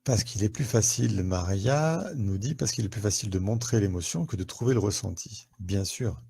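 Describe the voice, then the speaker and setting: A man's voice: fairly low pitch, normal speed, gravelly, mellow, slightly rough. A French man, a therapist, hosting a live online talk to viewers, conversational and full of questions and fillers, on a headset mic.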